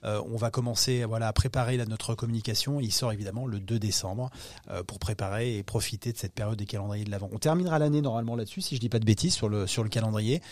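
A man's voice: lowish voice, fast talker, darkish tone, no room sound. A man talking about upcoming films in a podcast interview, hesitant, with many fillers and restarts. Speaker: film distribution executive.

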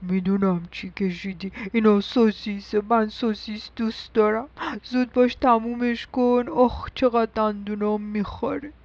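A woman's voice: medium pitch, fairly even intonation, darkish tone, no room sound, dull audio, close to an everyday voice. A woman voicing a hungry, greedy male mouse in a children's story, eager and insistent.

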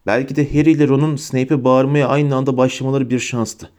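A man's voice: mid-range voice, flat delivery, fast, darkish tone. Man reading an audiobook aloud. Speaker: audiobook narrator. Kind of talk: scripted audiobook narration.

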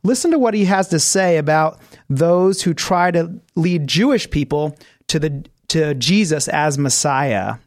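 A man's voice: fairly high pitch, animated, a little slow, no room sound, clean studio sound. A man hosting a radio interview, asking friendly, leading questions. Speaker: host.

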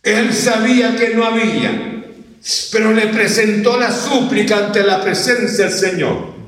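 A man's voice: high voice, steady tone, a little slow, a bit bright. A man preaching a sermon to a congregation, emphatic, repeatedly calling out to his brothers and sisters. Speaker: pastor. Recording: very echoey hall, distant mic.

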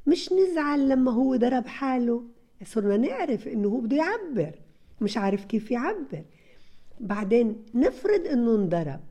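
A woman's voice: fairly high pitch, mellow. A woman, a parenting advisor giving advice to parents and acting out little scenes as she talks.

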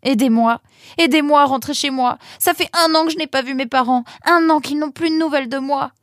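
A woman's voice: on the low side, very animated, normal speed, darkish tone, husky, no echo, studio quality. A woman voicing a young, frightened male woodland creature in an audiobook, wary and pleading.

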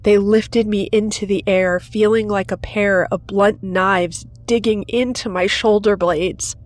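A woman hosting a horror story channel, narrating in a steady, measured storytelling voice. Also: mid-range voice.

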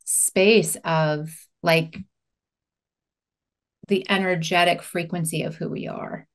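A woman's voice: lowish voice, steady tone, slow. A woman guest on a podcast, speaking in an earnest, reflective way and often checking in with "right?". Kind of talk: casual conversational interview.

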